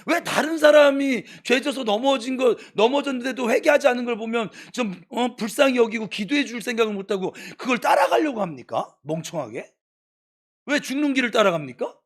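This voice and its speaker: A man preaching in church with a high, very lively voice that climbs and falls across a wide range. He moves from quiet teaching to sharp, scolding exhortation aimed at his congregation. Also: fairly quick. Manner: exhorting, swings from soft to scolding shouts. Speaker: pastor. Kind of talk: sermon.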